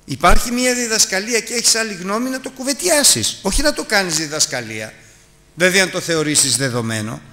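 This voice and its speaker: Lively, bright-voiced male preacher. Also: sits high. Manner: storytelling, then urgent exhortation to the congregation. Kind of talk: Bible teaching sermon.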